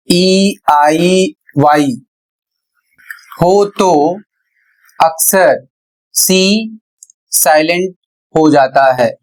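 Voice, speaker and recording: A male teacher giving a classroom-style lesson, deliberate and spelling things out letter by letter with pauses. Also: a little high, rough recording.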